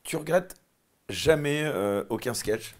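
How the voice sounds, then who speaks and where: A man's voice: on the high side, lively intonation, slow. A man hosting an interview, putting short prompting questions. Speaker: interviewer host. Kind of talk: casual interview chat.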